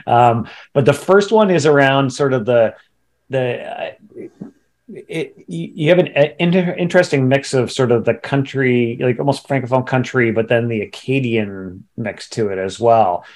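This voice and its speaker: A man working as an interviewer, feeling his way into questions in a casual, halting manner. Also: mid-range voice, darkish tone.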